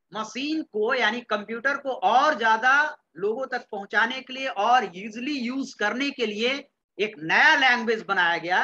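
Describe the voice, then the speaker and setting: The clip is a classroom lecture by a computer science teacher from Bihar whose very high voice sounds bright and forward. He quizzes students, echoes their answers, and slips English terms into Hindi. The audio is dull and lo-fi with slight background noise.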